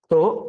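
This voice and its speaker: A man giving a programming lecture, often stopping to ask if the class understands. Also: phone-quality sound. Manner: keeps checking understanding with quick questions. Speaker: programming instructor.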